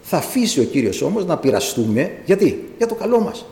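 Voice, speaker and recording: Impassioned male preacher, gravelly voice. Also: a little high, big pitch swings, darkish tone. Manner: impassioned, rising to emphatic cries. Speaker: visiting preacher. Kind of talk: sermon. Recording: echoey church hall.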